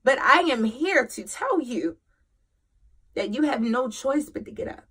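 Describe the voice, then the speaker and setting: A woman hosting a motivational talk as a single mother. She speaks emphatically, repeats her phrases, and moves from loud urging to quiet confession. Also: high-pitched, expressive, unhurried, breathy edge. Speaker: host.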